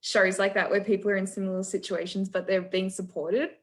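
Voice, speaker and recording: A woman's voice: medium pitch, level tone, a little fast. A young woman, co-hosting a casual chat, chatty and giggly. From Australia. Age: young adult. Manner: warm, chatty, giggly, says "like" a lot. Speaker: co-host.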